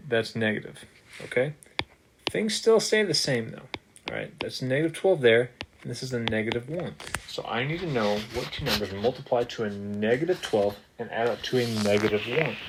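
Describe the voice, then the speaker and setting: A man who is a math teacher, talking through examples while writing on screen, upbeat and joking at his own slips. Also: medium pitch. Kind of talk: screen-capture math lesson. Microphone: desktop microphone. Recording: noisy desktop recording with ticking.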